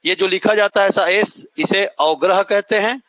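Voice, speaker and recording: A man's voice: sits high, moderate pace, a bit bright, no room sound, poor audio. A man teaching a classroom lesson. He repeats each point, asks the class to say it back, and draws out vowels to show how long they last. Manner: stretches out vowels to show their length. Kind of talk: classroom lecture.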